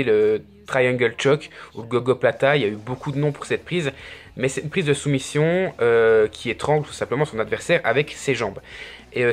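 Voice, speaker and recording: A man talking on his own in a casual video review, chatty with lots of fillers and restarts. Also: medium pitch. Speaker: wrestling reviewer.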